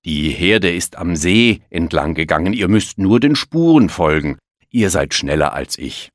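A kindly old grandfather elephant from a storybook, talking slowly in a soft, low murmur, as a man puts him on. The voice sits deep and is recorded close and dry. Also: expressive, no echo. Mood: gentle. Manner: slow, murmuring.

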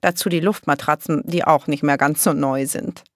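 A woman's voice: low-pitched, steady tone, normal speed, no echo, clean studio sound. A woman voicing a cheerful, affectionate grandmother in an audiobook.

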